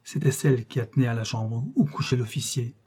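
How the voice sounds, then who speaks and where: A man reading a literary story aloud as an audiobook narrator, in a measured, expressive storytelling manner. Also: mid-range voice, slightly rough.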